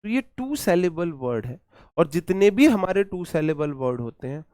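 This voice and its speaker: Male grammar teacher, slightly high voice, dry close sound, drills words by repeating them slowly. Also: sing-song, a little mellow, dry recording. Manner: repeats words slowly to drill pronunciation, calls students "brother". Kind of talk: exam-prep lecture.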